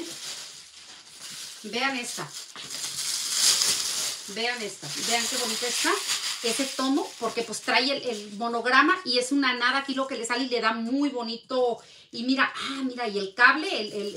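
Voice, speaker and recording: A woman's voice: sits high, sharp tone, slight background noise. A woman with a Mexican accent, chatting casually to viewers while selling handbags and often talking in circles. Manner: chatty, rambling, addresses viewers directly. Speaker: online bag seller. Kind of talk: casual sales live stream. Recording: echoey room, mic at a distance.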